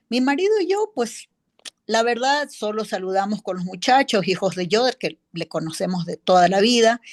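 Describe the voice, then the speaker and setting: A woman's voice: medium pitch, close to an everyday voice. A woman playing a witness in a mock trial, a neighbor and accountant who answers in a rambling way full of fillers and tag questions. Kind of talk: courtroom role-play, answering questions.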